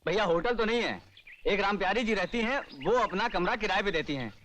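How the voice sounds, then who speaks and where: A man's voice: high-pitched, expressive, fairly quick, fairly bright tone, slight background noise. A man dubbing a sly, wheedling village banana seller giving directions outdoors. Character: crafty adult male village banana seller. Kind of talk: dubbed film dialogue.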